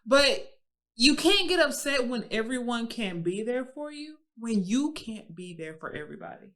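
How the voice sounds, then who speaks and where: Woman, 30s, co-host, casual chat, bright tone, animated. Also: on the high side, moderate pace. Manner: animated, laughs often, slips into playful impressions. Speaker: podcast co-host.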